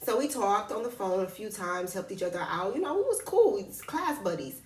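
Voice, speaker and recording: A woman vlogger telling a story in casual chat, blunt and slangy, often animated. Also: mid-range voice, a little fast, far from the mic. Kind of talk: casual storytelling about dating and zodiac signs. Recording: echoey room, voice a bit off-mic.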